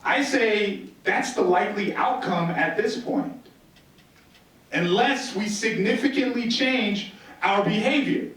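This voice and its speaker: Speaking slowly in a fairly bright, quite high voice, a Northern Plains American man delivers an informal, story-like stage talk full of wry jokes and emphatic repetition. The indoor venue is roomy, so the distant mic picks up lots of echo.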